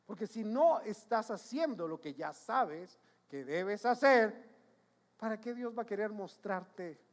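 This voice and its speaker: A man's voice: high-pitched, expressive, slow. A man preaching a sermon as pastor, emphatic, repeating his points and questioning the congregation.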